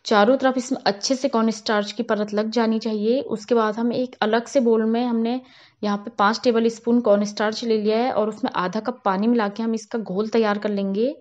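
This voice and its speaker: A cooking channel host with a fairly high voice narrates a home cooking tutorial off camera, calmly explaining each step at a brisk pace. The voice-over sounds a little dull and lo-fi.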